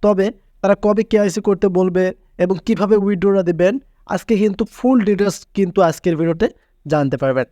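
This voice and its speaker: A man with a notably high voice leads a screen-recorded app tutorial in an insistent, repetitive way. The recording is close and dry, with no room sound behind him. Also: a little mellow, no room sound. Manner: insistent, repeats filler words for emphasis. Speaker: tutorial channel host.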